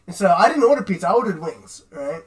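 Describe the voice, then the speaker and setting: A man's voice: sits high, very animated, fast. A young man, a podcast co-host, telling a rambling, profane story in casual chat and tagging "right?" onto his sentences.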